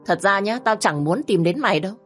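A woman's voice: medium pitch, animated, brisk, a bit bright, faint music behind, voice pushed up, natural voice. A woman voicing a mocking middle-aged male kidnapper who taunts and threatens bluntly, as a storybook figure. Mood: sneering.

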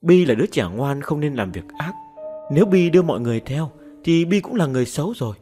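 A man voicing a gentle middle-aged Buddhist master who speaks softly and persuasively. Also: fairly high pitch, lively intonation, quick pace, soft background music, natural voice. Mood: coaxing.

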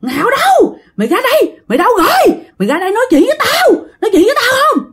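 A woman voicing a raging possessed young factory worker who shouts demands. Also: very high-pitched, wildly swooping pitch, fast, voice pushed up, heavily acted.

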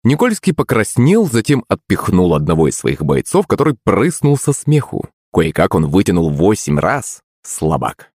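Low-voiced man narrating an audiobook. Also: sing-song, normal speed, few pauses, a little mellow, breathy edge, no room sound, studio quality. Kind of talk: first-person audiobook narration.

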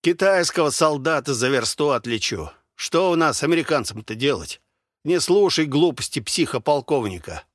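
A man's voice: fairly high pitch, expressive, moderate pace, dry recording. A lazy, smug young soldier from an audiobook, as a man reads him in a near-plain voice, sure he knows better than everyone. The sound is dry and close.

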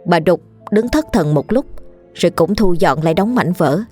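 Low-voiced woman telling a ghost story. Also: normal speed, soft background music. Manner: steady storytelling, voices characters.

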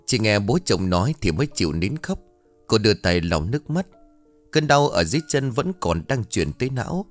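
Low-voiced male story narrator. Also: big pitch swings, normal speed, soft background music. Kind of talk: scripted narration of an audio story.

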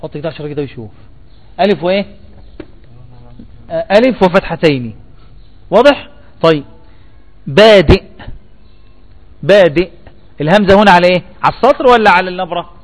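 A man's voice: sits high, expressive, fairly quick, pauses often. A man with an Egyptian Arabic accent teaching a spelling lesson, asking the class questions and repeating their answers.

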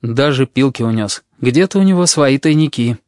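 A man reading aloud, voicing a calm, practical teenage boy in a matter-of-fact way. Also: medium pitch, moderate pace, no echo, clean studio sound, lightly acted.

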